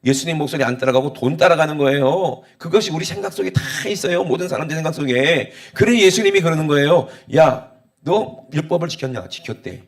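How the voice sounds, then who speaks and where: A male pastor preaching a sermon, drawing the congregation in with repeated "Amen?" and moving between hushed, low passages and loud, emphatic exhortation. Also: fast, few pauses. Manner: preaching with frequent call-and-response "Amen?" questions to the congregation.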